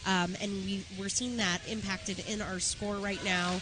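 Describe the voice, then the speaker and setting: Female color commentator, mid pitch, measured and informative, live sports feel. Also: steady tone, noisy background. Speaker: roller derby color commentator.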